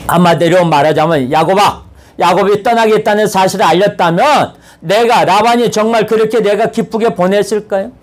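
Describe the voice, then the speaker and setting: A male pastor delivers a sermon in an easy, talky manner. His voice is notably high for a man. He slips into the characters of the story as he tells it. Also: steady tone, normal speed. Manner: conversational preaching that acts out the story's dialogue.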